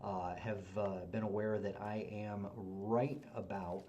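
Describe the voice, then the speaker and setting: A man hosting a game stream, chatting casually and jokingly, often halting with fillers. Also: lowish voice, fairly even intonation, dark tone, highs cut off, slight background noise. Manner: joking, halting, many uhs. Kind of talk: casual chat while playing.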